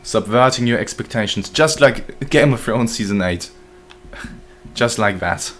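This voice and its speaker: Low-voiced man streaming a game. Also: unhurried, fairly bright tone. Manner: joking, chatty, reads chat aloud. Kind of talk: live gameplay commentary.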